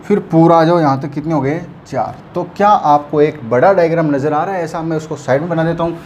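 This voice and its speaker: Male teacher, somewhat high voice, patient and repetitive, keeps checking in with the class, faint hiss behind. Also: brisk, a little mellow. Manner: explains patiently, keeps checking students follow. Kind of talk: whiteboard math lesson.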